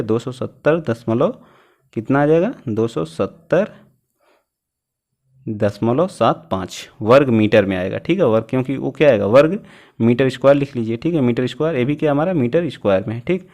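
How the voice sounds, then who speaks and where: A man's voice: mid-range voice, darkish tone. Man teaching math step by step. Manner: keeps asking the class questions and answers them himself, "ठीक है" after each step; reads out numbers slowly while working them out. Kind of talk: exam-prep math lesson.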